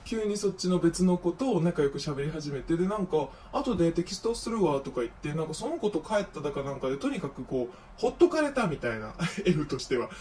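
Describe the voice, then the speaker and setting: Young male vlogger, high voice, campy animated gossip, set back from the mic with faint noise. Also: brisk, hardly any pauses, recorded from a distance. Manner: animated gossip with feminine speech style, acts out friends' lines. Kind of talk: casual storytelling monologue.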